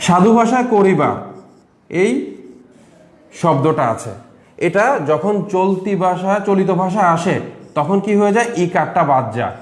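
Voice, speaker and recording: A man's voice: sits high, animated, measured pace, long pauses. A male college teacher giving a recorded lesson, explaining step by step and asking questions that he then answers himself while writing on a board. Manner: writes on a board while talking. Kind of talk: online lesson on Bengali pronunciation. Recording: echoey room.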